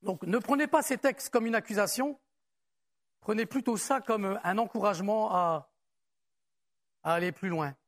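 A man preaching a sermon to his congregation. He talks in a conversational way, asks rhetorical questions and reads scripture aloud more slowly. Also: high voice. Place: church service.

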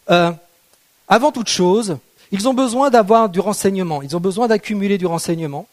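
High-voiced man preaching a sermon. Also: darkish tone. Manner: conversational, asks the congregation rhetorical questions; playful, jokes with the audience.

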